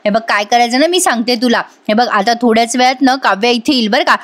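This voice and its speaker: Woman voicing a bossy scheming middle-aged aunt, conspiratorial, high voice, serial recap. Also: fast talker, a bit bright, natural voice.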